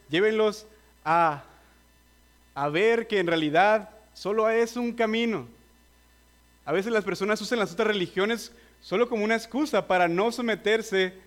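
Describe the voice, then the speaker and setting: A man delivers a sermon in a notably high voice. He speaks earnestly and presses his listeners directly, with a slightly nervous edge. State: nervous, admits trembling. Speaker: preacher.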